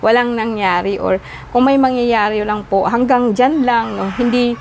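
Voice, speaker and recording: A woman's voice: mid-range voice, a little hiss or hum. A woman giving a tarot reading straight to the viewer, courteous and chatty, mixing English phrases into her talk and ending almost every sentence with a questioning "no?". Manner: polite, tags nearly every sentence with a questioning "no?". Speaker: tarot reader.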